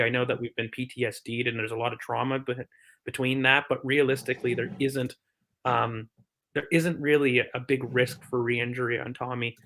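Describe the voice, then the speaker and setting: A man's voice: medium pitch, bright, forceful tone. Chatty man talking football as a physio. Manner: thoughtful, filler-heavy, explains from a physio view. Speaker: podcast co-host. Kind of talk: casual football chat.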